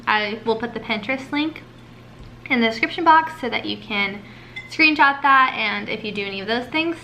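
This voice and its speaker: This cooking vlogger talks casually through cooking and tasting in her home kitchen, leaning heavily on "um" and "like." Her medium-pitched voice sounds pushed and bright. The low-quality recording has a roomy sound and slight background noise.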